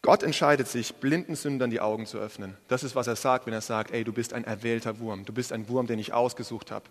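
A man preaching a sermon in a lively, casual way, speaking straight to the congregation. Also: medium pitch, fairly quick. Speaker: pastor. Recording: preached in a large hall with long reverb.

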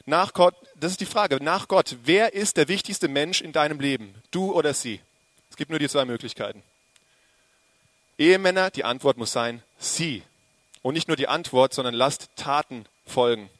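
A man preaching a sermon to a congregation, lively and joking, speaking to them directly. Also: fairly high pitch, moderate pace, dry recording.

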